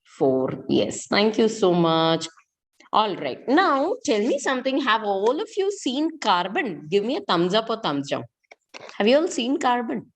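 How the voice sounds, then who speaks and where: A woman's voice: fairly high pitch, sing-song, a little slow. A middle-aged woman with an Indian accent teaching chemistry in an interactive online class, asking questions and repeating key points. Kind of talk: interactive online school lesson.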